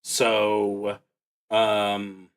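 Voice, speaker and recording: A man hosts a solo tabletop roleplaying stream, casually explaining rules and haltingly thinking aloud as he reads. His voice is on the low side and monotone.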